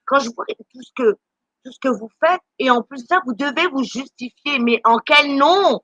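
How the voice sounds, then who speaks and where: Bright high-voiced woman stammering angrily. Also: animated, moderate pace, dry recording, dull audio. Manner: stammering, repeats words; indignant, scolding. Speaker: charity volunteer speaking on a live stream. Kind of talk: impassioned live-stream rant.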